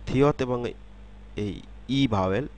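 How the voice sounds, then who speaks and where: A man's voice: mid-range voice, measured pace, darkish tone, smooth. A man giving a step-by-step pronunciation lesson, repeating each example sound several times and asking checking questions. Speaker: language teacher.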